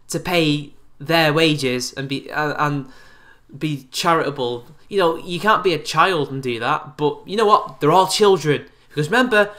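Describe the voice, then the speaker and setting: Recording himself on a webcam in a small, bright room, a twenty-something YouTuber delivers sarcastic, fed-up rants in a response video. He speaks with a voice on the high side and a fairly bright tone.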